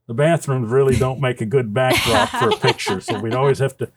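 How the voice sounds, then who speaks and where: Man acting as jolly old Santa, medium-pitched voice, kindly, unhurried, chuckling, casual in-character chat. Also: noisy background, close to an everyday voice. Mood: cheerful, pleased. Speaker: guest.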